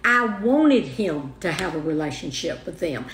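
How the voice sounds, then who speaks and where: An older woman speaking as a guest in a heartfelt interview, soft and halting, often restarting her sentences. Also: low-pitched, big pitch swings, a little hiss or hum. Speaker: guest, mother of the host. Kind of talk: emotional personal interview. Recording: roomy echo.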